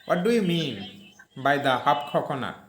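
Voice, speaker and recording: A man's voice: a little high, very animated, normal speed, fairly bright tone, reverberant. A man from Bangladesh with a Bangladeshi accent, politely asking questions in learner English in a casual chat. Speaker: language exchange chat partner. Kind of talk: casual chat on a live-stream app.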